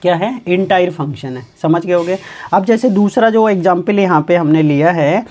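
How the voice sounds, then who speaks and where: A man teaching mathematics in a recorded exam-prep lecture. He asks himself quick questions and answers them, repeats key points, and slows right down to read definitions word by word. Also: sits high, darkish tone. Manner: reads English definitions out slowly, word by word; repeats key points, often says "ठीक है".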